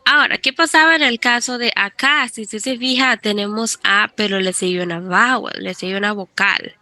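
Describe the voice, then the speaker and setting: Gravelly bright-voiced woman teaching. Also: mid-range voice, moderate pace, no room sound. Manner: patient, explains step by step, mixes Spanish and English. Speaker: English teacher. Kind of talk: online class explanation.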